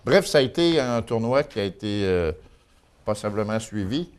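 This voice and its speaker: Man, Quebec French accent, fairly low pitch, folksy, colloquial, informal local chronicle. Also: lively intonation, normal speed. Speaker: local news and gossip columnist.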